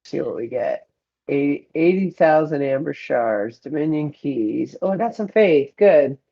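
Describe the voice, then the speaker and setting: Streaming a mobile game at home, a woman with a low, gravelly voice talks unhurriedly but with lively intonation. She keeps up casual chat and a running commentary on her rewards, captured in muffled lo-fi sound.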